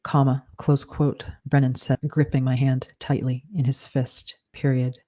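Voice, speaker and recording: Writer dictating fiction, spoken punctuation; mellow tone, unhurried delivery. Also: mid-range voice. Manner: measured, flat dictation, spelling out punctuation and corrections.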